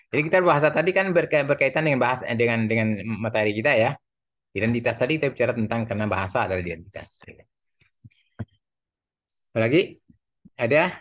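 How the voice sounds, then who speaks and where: A man's voice: on the low side, fairly bright tone. A middle-aged man with an Indonesian accent giving a casual university lecture, rambling, repeating words and laughing at his own jokes.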